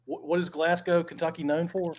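A man's voice: on the high side, level tone, fairly quick. A man hosting a casual podcast interview, joking and asking short questions. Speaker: host.

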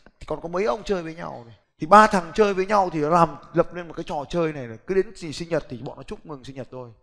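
A middle-aged man giving a lively, blunt motivational business seminar talk, challenging the audience directly. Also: on the high side, fast, vocal fry. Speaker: seminar speaker. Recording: long hall reverb.

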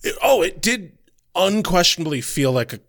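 A man's voice: high-pitched, sing-song, normal speed, a bit bright, dry recording, studio quality. A young adult man co-hosting a podcast in casual chat, telling loose stories with profanity and laughing often. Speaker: podcast co-host.

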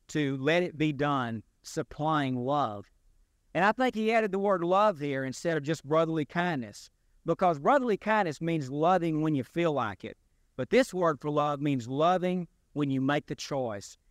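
A man preaching a sermon as pastor, in a deliberate, emphatic delivery with rising and falling stresses. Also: fairly high pitch, lively intonation, no room sound, clean studio sound.

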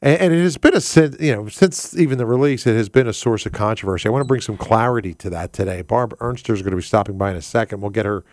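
A man's voice: on the low side, fast, hardly any pauses, darkish tone, no echo, clean studio sound. A man hosting a conversational radio show, often rephrasing himself and posing rhetorical questions. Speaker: radio host. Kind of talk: conversational talk radio presenting. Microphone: close studio microphone.

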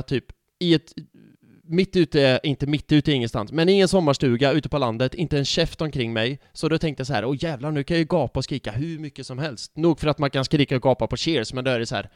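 A man in a casual football podcast, telling a match story in an animated way and swearing freely. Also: mid-range voice, no room sound, studio quality. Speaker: podcast co-host.

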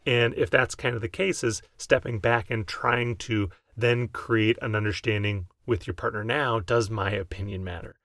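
A man's voice: fairly low pitch, steady tone, moderate pace, few pauses, fairly bright tone, no room sound, studio quality. A man with an American accent giving conversational, explanatory advice as a podcast co-host. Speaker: podcast co-host, mental health provider.

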